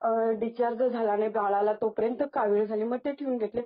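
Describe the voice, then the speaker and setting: A young adult woman, a guest, tells a personal devotional experience in casual speech, halting often with false starts and restarts. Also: a little high, steady tone. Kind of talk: casual spoken testimony. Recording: tinny phone-line sound.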